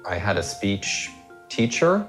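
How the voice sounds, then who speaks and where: A man from Long Island, New York, recalling school in a frank, unhurried way. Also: on the low side, very animated, music in the background. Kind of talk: casual interview.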